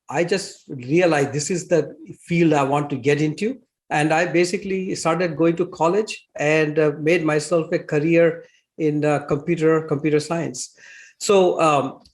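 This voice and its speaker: A man's voice: on the high side, a little mellow. A man in his sixties with an Indian accent, a guest telling his life story in an interview, chuckling now and then between thoughtful, filler-laden phrases. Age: 60s.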